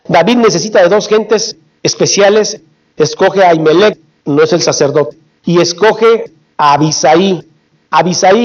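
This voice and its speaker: A man with a Mexican accent preaching a sermon, earnestly exhorting and retelling scripture. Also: sits high. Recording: dull lo-fi recording.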